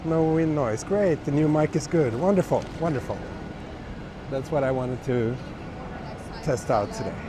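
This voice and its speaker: Speaking at a measured pace with frequent pauses, a hoarse livestream host with a medium-pitched voice strolls busy city streets at night, chatting casually and reading viewer comments. He's hoarse from a cold, and his small wireless clip-on mic also captures the surrounding traffic and street noise.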